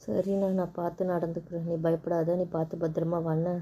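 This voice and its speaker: A young wife in a home-made couple skit, acted by a woman talks quickly in a dark, mellow voice with a slightly low pitch. She pleads, coaxes and sweet-talks her husband, and later answers him with stubborn indignation. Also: little pitch movement, a little hiss or hum, lightly acted. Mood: earnest. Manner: pleading, affectionate, then indignant. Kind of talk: scripted family skit.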